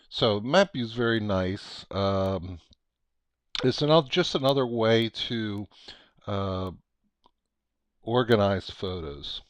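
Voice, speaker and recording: A middle-aged American man giving an unscripted, casual software walkthrough, thinking aloud haltingly as he explains. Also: on the low side, no echo. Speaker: software tutorial presenter.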